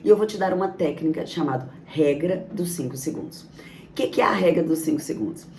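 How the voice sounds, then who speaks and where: Low-voiced woman coaching emphatically. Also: a little fast, mellow, far from the mic, slight background noise. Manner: emphatic, piles up lists and rhetorical questions. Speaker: motivational coach. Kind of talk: motivational self-help talk. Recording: echoey room, off-mic, faint ambience.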